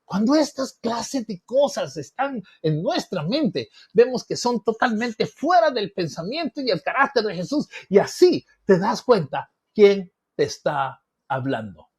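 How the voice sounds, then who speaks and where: Slow, high-voiced male pastor preaching. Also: very animated, breathy edge. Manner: dramatic, acts out voices and objections, rises to emphatic bursts. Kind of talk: sermon teaching.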